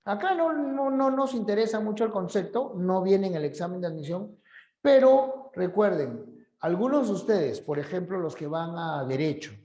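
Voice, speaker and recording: A man's voice: high-pitched, animated, moderate pace, mellow, echoey room. A male teacher, giving a conversational class for an admission exam and often checking that students agree. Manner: conversational, asks students for agreement, acts out examples.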